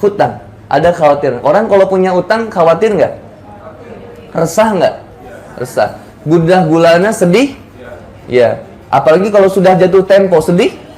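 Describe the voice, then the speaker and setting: A male Islamic preacher with a Sundanese accent, giving a lively, joking sermon and addressing the women as Bunda. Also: sits high, moderate pace, long pauses.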